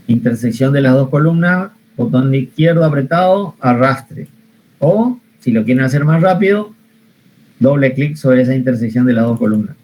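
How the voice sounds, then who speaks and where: A man's voice: medium pitch, a little mellow, rough recording. Patient Argentine male teacher, online class, faint room hum behind, quizzes his students. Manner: patient, repeats steps, asks the class questions. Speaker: computer science teacher. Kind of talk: online spreadsheet lesson.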